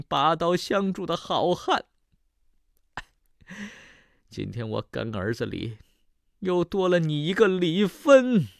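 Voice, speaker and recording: A male storyteller voicing an old mother who has lost her son, with shrill, wailing bursts. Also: gravelly, no room sound, studio quality, full character voice. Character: grieving furious old mother of fallen son.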